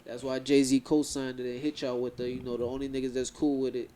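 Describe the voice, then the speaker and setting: A young man co-hosting a podcast, chatting casually in animated slang and talking over his co-host. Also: medium pitch, fairly quick, slight background noise. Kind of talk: casual chat.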